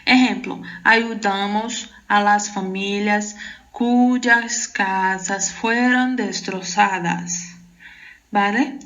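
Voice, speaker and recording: A Brazilian woman with a Portuguese accent teaching a Spanish lesson, reading the examples carefully and adding quick asides in Portuguese. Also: mid-range voice, fairly even intonation, fairly bright tone, muffled recording. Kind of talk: online exam-prep lesson.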